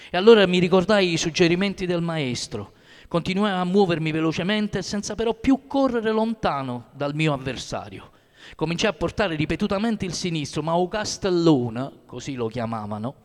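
A man reading a first-person story aloud at a measured, steady pace, heard in an echoing hall. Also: high voice. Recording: long reverb of a hall.

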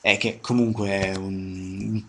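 A man's voice: low-pitched, takes it slowly, slight background noise. A man hosting a radio show, chatting casually and explaining the music he just played. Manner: relaxed, chatty, explains the song. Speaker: radio host.

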